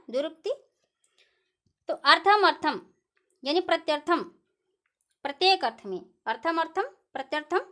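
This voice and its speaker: A woman teaching Sanskrit grammar in a lesson, patiently repeating each example slowly. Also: high voice, a bit bright. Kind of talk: classroom-style lesson explaining grammar.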